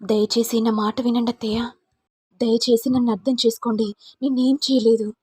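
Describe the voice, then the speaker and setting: A young wife caught out, protesting and begging not to be thrown out, as a woman acts her. Her voice is pitched up and loud. It has a husky edge and a dry sound. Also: flat delivery, moderate pace, no room sound. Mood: pleading defensive. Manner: defensive, pleading.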